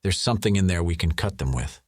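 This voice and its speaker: A man's voice: low-pitched, lively intonation, fast talker, a little mellow, no echo. A man voicing a belligerent, drugged-up young troublemaker who sneers and snaps. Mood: sneering. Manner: sneering, hostile.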